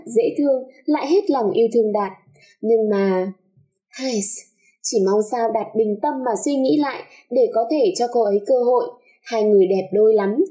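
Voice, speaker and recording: Bright-voiced woman telling a love story. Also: on the high side. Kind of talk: dramatic narration of a love story.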